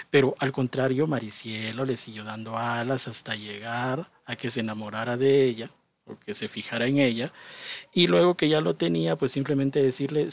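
A man's voice: mid-range voice, gravelly. A young man casually commenting on a reality show and asking his viewers for their opinions.

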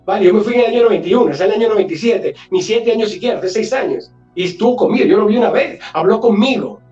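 A man from Galicia, Spain, a guest telling an anecdote in an animated way and acting out the dialogue. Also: high-pitched, quick pace, distant mic, dull audio, soft background music. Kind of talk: storytelling anecdote.

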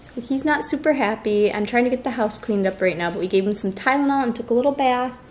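Chatty young mom vlogging at home. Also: female voice, on the high side, fast talker, slight background noise. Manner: chatty, matter-of-fact, talks to her children in between. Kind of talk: casual vlog narration. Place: home, backyard and kitchen. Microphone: handheld camera mic.

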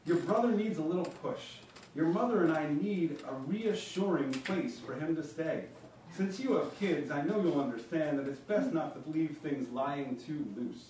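A man's voice: a little high, moderate pace, a little mellow, a little hiss or hum, lightly acted. A man reading the lines of a cryptic, meddling retired father who speaks insistently. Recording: very echoey room, mic far off.

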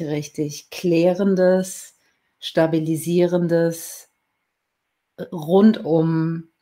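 A woman storyteller reading a fairy tale aloud in a calm, intimate manner. Her voice is mellow and fairly low, and she takes her time.

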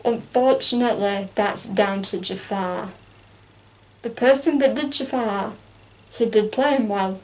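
In this clip a young woman co-host, speaking at a medium pitch and a little slowly, chats casually while reviewing a film she watched. She's chatty and animated, acting out quotes and laughing as she goes.

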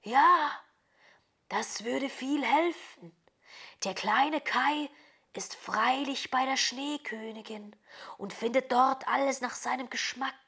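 A woman voicing a wise old Finnish wise-woman who gives calm, solemn counsel. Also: a little high, slightly rough, full character voice. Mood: earnest.

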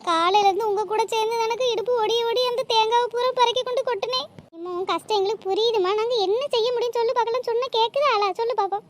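A woman's voice: very high-pitched, fast. A woman voicing a bossy but caring village neighbor in a cartoon, lecturing. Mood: consoling. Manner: scolding, lecturing. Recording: noisy cartoon voice track.

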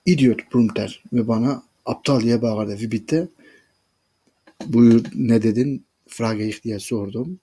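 A man with a husky, mid-pitched voice reads a story sentence by sentence. He translates each line and explains it to listeners he calls friends, like a teacher. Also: unhurried, few pauses, warm tone. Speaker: German language teacher reading a story. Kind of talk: reading a German story aloud and translating it line by line.

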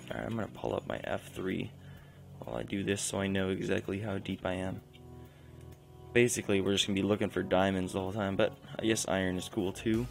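A young man with a low, creaky voice narrates his own gameplay from a room at home, with faint music in the background. As a gaming channel host, he gives chatty, casual play-by-play commentary and keeps interrupting himself.

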